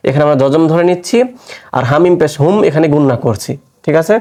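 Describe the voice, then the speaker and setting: A man's voice: a little high, quick pace, mellow. Man teaching Quran recitation. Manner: asks the listener questions and answers them himself. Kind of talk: step-by-step recitation lesson.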